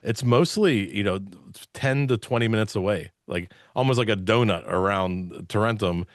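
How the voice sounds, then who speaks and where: A man's voice: fairly low pitch, normal speed, dry recording, clean studio sound. A man speaking as a podcast guest, explaining things casually and enthusiastically with punchy emphasis. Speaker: podcast guest, podcast theater owner. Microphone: video call, close dry mic.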